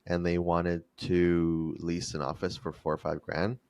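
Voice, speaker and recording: A man's voice: low voice, little pitch movement, measured pace, a little mellow, dry recording. A man explaining financial figures step by step, in a didactic interview style. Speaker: finance expert guest, fractional CFO. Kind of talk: explanatory interview talk with numbers.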